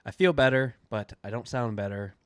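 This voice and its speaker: A man with a cold sounds stuffy and nasal as he casually hosts a book review video, rambling with fillers and restarts. His mid-range voice moves at normal speed in a dry, clean studio recording.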